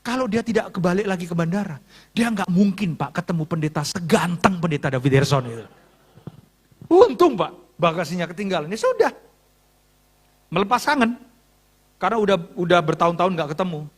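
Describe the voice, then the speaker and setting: A man's voice: high voice, fast talker. A male pastor preaching with humor, acting out dialogue as he tells a story to his congregation. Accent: Indonesian. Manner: animated, acts out dialogue, jokes with congregation. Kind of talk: sermon storytelling. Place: church hall.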